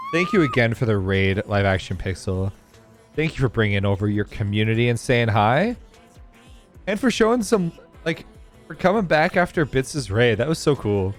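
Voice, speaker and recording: A man chatting casually with his viewers during a live game stream, rambling and thinking aloud as he plays. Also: mid-range voice. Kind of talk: casual live-stream chat while gaming.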